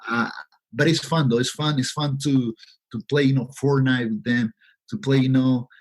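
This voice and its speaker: Speaking at normal speed with medium pitch and fairly even intonation, this podcast guest, a Peruvian in his thirties, rambles earnestly through his story in casual interview talk, leaning heavily on "you know."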